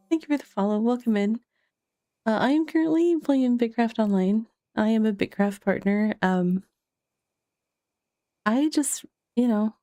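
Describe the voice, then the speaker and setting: This woman's voice sits on the high side and sounds mellow in a dry recording. She's playing a game on a home stream, laughing a lot and chatting loosely with viewers over faint, chill background music.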